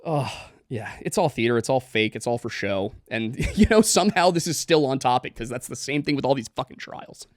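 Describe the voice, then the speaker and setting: A man in his twenties co-hosting a podcast, chatting casually and joking, with quick asides. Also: mid-range voice, lively intonation, no echo, clean studio sound. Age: 20s. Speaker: podcast co-host.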